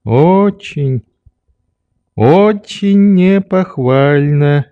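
A male narrator puts on a fussy, methodical old doctor from a storybook reading, his voice lifted high and soft. He drags out each phrase in a slow, patient scold that never turns to anger. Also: expressive, dry recording, muffled recording, full character voice. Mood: mild reproach. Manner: slow, measured, gently reproving. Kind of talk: audiobook character reading.

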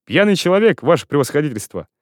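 A man's voice: a little high, very animated, quick pace, voice pushed up. A man reading aloud, voicing a frightened, fawning young clerk. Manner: fearful, fawning.

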